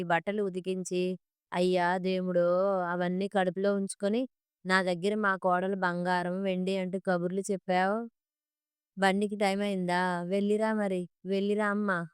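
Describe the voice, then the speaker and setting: A woman voicing a sharp-tongued middle-aged mother-in-law who complains and scolds in a storybook monologue. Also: medium pitch, flat delivery, moderate pace, clear, resonant tone, dry recording, studio quality, lightly acted. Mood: prying.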